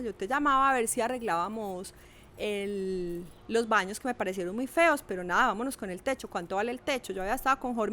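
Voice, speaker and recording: A middle-aged woman, telling a personal story in a lively, animated way with acted quotes. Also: fairly high pitch, slight background noise. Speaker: podcast guest. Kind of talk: casual storytelling.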